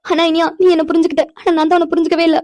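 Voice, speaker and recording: A woman's voice: extremely high pitch, level tone, very fast, darkish tone, no room sound. A woman voicing an earnest, emotional young woman in a cartoon, an older-sister figure who speaks gratefully. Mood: tearful. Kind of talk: animated cartoon dialogue.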